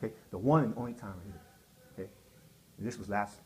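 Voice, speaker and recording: A middle-aged man with a lowish, slightly mellow voice talks fast as he tells his side of a painful personal story. His emotional account rambles and repeats itself, and he acts out quotes. There is slight background noise.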